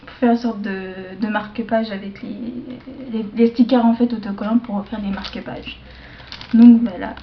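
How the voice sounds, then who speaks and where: A woman showing off a shopping haul to her viewers in a casual show-and-tell, hesitant, with many fillers and self-corrections, slipping into soft asides. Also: on the high side, slight background noise. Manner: slow, chatty, drops into soft asides. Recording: dull lo-fi home video sound.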